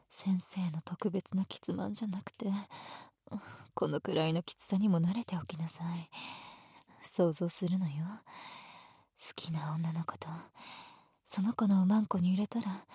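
Woman doing a bossy teacher lady, whispery and breathy, kinda mellow and dry close up. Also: fairly low pitch, no echo, heavily acted. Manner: soft whispered teasing, bossy. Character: teasing, domineering adult female teacher. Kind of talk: erotic ASMR roleplay.

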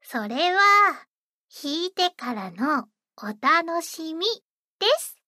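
A woman's voice: high voice, expressive, takes it slowly, sharp tone, no echo, studio quality, exaggerated voice. A woman voicing a sweet, eager young maid-café hostess who speaks politely and dotingly. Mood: cheerful. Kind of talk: roleplay audio drama.

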